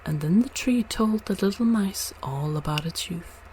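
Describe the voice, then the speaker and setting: A woman's voice: mid-range voice, lively intonation, normal speed, darkish tone, poor audio. A woman narrating a storybook as a read-aloud, with some noise behind her voice. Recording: noticeable background noise.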